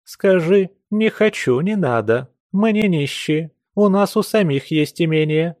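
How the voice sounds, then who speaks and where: A man's voice: fairly high pitch, lively intonation, a little slow, a little mellow, no echo, clean studio sound, voice pushed up. A male reader voicing a stern, imperious old grandmother who scolds sharply. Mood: stern, scolding.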